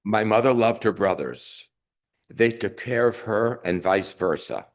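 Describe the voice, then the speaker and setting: A man's voice: on the low side, expressive. A man in his sixties giving an emotional, wry eulogy for his mother at a funeral service. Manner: emotional, wry, measured delivery. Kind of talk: memorial eulogy.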